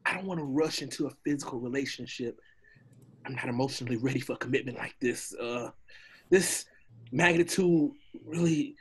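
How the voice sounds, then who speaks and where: A man voicing a talking donkey, a nervous, pleading jabberer who stammers out comic protests in a husky voice. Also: fairly high pitch, animated, a little slow. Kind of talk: comic animated-film character acting.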